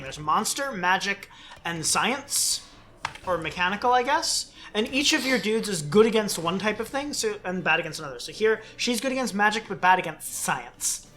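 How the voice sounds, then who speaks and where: A woman's voice: medium pitch, animated, moderate pace, bright, forceful tone, slight background noise. A woman giving casual video game commentary, explaining how it works as she plays. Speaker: let's play host playing the game.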